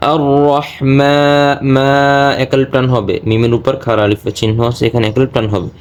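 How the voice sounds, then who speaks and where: A man teaching Quran pronunciation, who explains quickly and then recites verses slowly and drawn out. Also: fairly low pitch, fairly even intonation, darkish tone.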